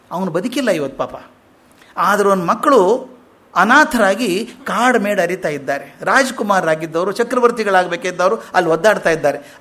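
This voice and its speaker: A man's voice: sits high, a bit bright. A man voicing the old sage Vyasa, who earnestly pleads with his son in a fatherly way.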